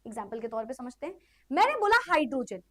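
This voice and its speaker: A woman's voice: sits high, sing-song, fast. A woman teaching a chemistry lecture in a chatty way, often checking in with her students and adding playful asides. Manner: repeats herself, checks in often. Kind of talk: classroom lecture.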